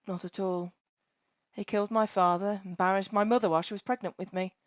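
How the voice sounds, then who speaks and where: A woman voicing a scrawny, frightened young boy who speaks in a high, earnest and nervous way. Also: fairly even intonation, fairly quick, no echo, natural voice. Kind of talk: storybook reading.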